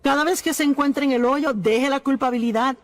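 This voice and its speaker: In this dubbed sermon, a high-voiced woman serves as the preacher's voice-over, delivering it with earnest conviction. Key phrases get stressed and repeated, and she leaves pauses between each point.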